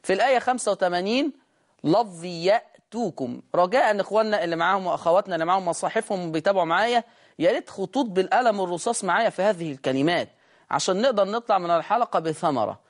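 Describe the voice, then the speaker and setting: In a recorded lesson, a man with an Egyptian Arabic accent teaches Quran recitation in a high, animated voice. He explains things quickly, then slowly draws out and repeats each recited word.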